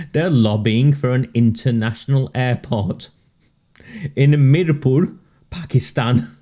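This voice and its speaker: Warm and mid-range, this man hosts a live political stream, holding forth in a sardonic, emphatic monologue. He frequently chuckles at his own remarks and says words twice to drive them home.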